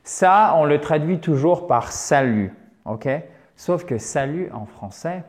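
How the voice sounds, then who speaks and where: A man teaching an English lesson, explaining with many pauses, fillers and checks like "ok?". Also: a little high, lively intonation.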